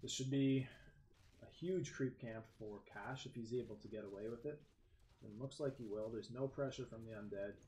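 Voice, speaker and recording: Man casting a strategy game match. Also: moderate pace. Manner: lively play-by-play, excitable with sudden pitch jumps. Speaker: game caster. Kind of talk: esports commentary. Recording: echoey room with faint background noise.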